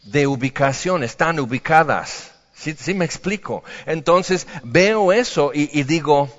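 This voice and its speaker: A man's voice: fairly high pitch, expressive, a little slow. A man preaching a sermon in a conversational way, acting out the voices he quotes. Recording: dull recording with long hall reverb.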